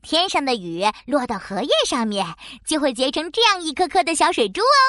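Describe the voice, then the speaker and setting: A small, eager frog from a children's science cartoon. The frog voice is very high and bright, dotted with croaks, and recorded very dry. It explains things in a friendly, patient, little-teacher manner with lively swings in pitch. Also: female voice, brisk, no echo. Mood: proud, playful. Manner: frog voice, punctuating talk with croaks.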